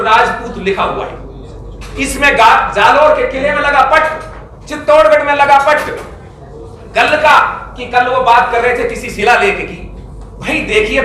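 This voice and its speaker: High-voiced man lecturing in an echoey hall. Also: bright, forceful tone, slight background noise. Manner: emphatic, lecturing, lists names and dates. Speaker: press conference speaker on history. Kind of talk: formal public address. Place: press conference room. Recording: echoey room, speaker far from mic.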